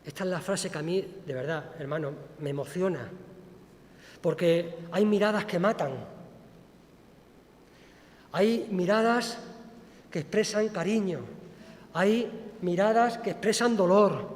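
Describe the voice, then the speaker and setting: A man preaching in a church, his voice pitched high for a man. He tells the story with feeling and acts out the quoted voices. A long reverb the hall trails each phrase. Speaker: pastor. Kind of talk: sermon.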